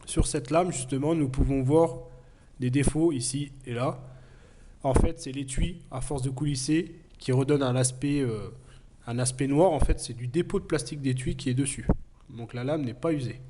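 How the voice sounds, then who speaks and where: With background noise behind him, a man reviews a knife casually at a moderate pace in a mid-range voice. He has a cold, speaks plainly and earnestly, and hesitates often amid many fillers.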